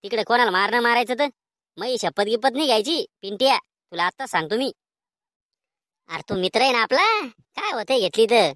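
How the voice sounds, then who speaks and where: A cheeky village schoolboy in a cartoon, voiced by a woman, whining and bickering in a Khandeshi Marathi accent. The voice sits fairly high and sounds close and dry, with almost no room around it. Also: fairly quick, long pauses, a bit bright, dry recording, natural voice. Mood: accusing. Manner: whiny, bickering. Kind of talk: cartoon voice acting.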